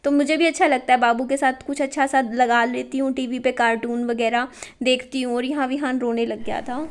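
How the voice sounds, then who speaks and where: A young mother gently coaxes and soothes her crying child, repeating short phrases, in a casual home vlog. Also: sits high, steady tone, fairly quick, a little hiss or hum. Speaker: mother and vlogger.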